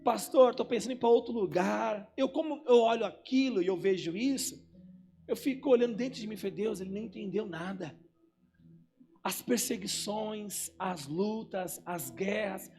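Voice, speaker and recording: A Brazilian pastor with a high, light voice preaches a sermon in church, over faint music. He rises to loud peaks and drops to near murmurs, and he acts out his own conversations with God. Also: gravelly. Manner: preaching with wide swings in loudness and pitch, quoting himself and God in conversation.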